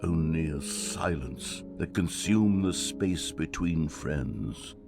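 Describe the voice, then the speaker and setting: A man's voice: a bass voice, expressive, slow pace, creaky, over music, exaggerated voice. An actor playing a wry, omniscient video game narrator, a man with a grandiose, articulate, dramatic delivery. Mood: solemn, melancholic. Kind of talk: scripted storybook-like game narration.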